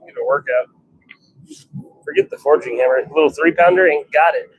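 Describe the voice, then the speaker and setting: On a home forge livestream, a hobby blacksmith chats offhand while he works, grumbling and poking fun at himself. His voice sits on the high side and moves fairly quickly, captured in a low-quality recording.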